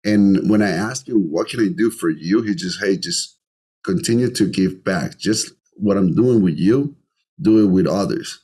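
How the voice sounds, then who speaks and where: In a rough recording, a deep, warm, slightly rough voice belongs to a middle-aged man with a Colombian accent, an entrepreneur guesting on a podcast. Talking earnestly at normal speed, he often repeats words while searching for how to put things.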